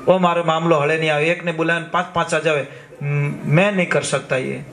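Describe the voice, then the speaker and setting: A simple, hot-tempered devotee grumbles indignantly, as a male preacher puts him on. The voice sits high, and the sound rings around a roomy, echoing hall. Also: fairly even intonation, moderate pace, fairly bright tone. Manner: grumbling, indignant complaints in dialect. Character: simple, blunt male devotee cook, easily annoyed.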